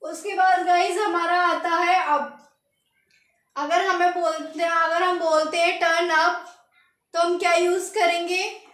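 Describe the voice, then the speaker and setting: A woman from India teaching a language lesson, slowly repeating each word and quizzing the viewer. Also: very high voice, little pitch movement, a bit bright, echoey room. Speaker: French teacher.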